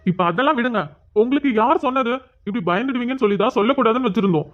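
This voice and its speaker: A woman's voice: on the high side, rapid-fire, close to an everyday voice. A woman voicing a young man, an injured, exasperated son, in a cartoon. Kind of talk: cartoon voice acting. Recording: tinny phone-like sound.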